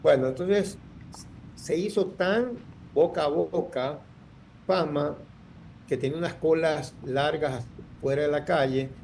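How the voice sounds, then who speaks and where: Here the entrepreneur's voice sits fairly high yet sounds gravelly and dark, and he takes his time. There's slight background noise as he tells his story in the interview, wandering and restarting with plenty of fillers.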